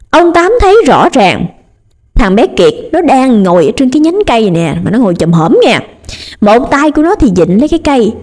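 A young woman with a Southern Vietnamese accent, narrating a ghost story with dramatic, lively delivery. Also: fairly high pitch.

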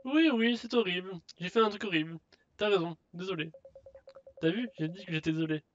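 Un homme qui lit à voix haute les répliques d'un aventurier fanfaron et roublard de jeu vidéo, en butant sur les mots. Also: male voice, a little high, fairly even intonation, fairly quick, gravelly, a bit bright, lo-fi sound, faint music behind. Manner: stumbling reading. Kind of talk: reading game dialogue aloud.

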